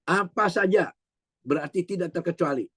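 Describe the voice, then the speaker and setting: A man's voice: high-pitched, moderate pace, breathy edge, dry recording. A man in his sixties preaching a sermon as a pastor, telling his own prayer testimony earnestly and often calling the listeners "my brothers and sisters". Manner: earnest, repeats "saudaraku", acts out quoted voices.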